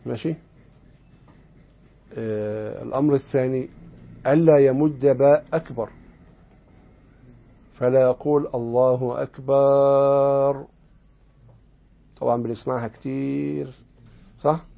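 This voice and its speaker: Speaking unhurriedly with long pauses, this man's gravelly, medium-pitched voice carries an Egyptian Arabic accent. He explains a text in a lesson on Islamic law, posing rhetorical questions to those listening. The lesson recording sounds dull and lo-fi.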